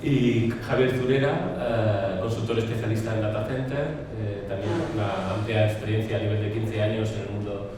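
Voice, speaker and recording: A man with a Spanish accent moderates a panel, introducing speakers and asking questions while hesitating as he searches for words. His voice is on the low side and level, at a moderate pace with hardly any pauses, recorded from a distance in a very echoey, noisy hall.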